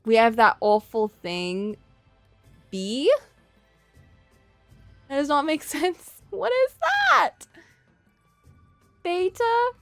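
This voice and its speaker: A woman with a high-pitched, animated and slightly bright voice casually livestreams a visual novel, chatting, thinking aloud and reading game text. She speaks extremely slowly and pauses often. The recording is dry, with soft background music.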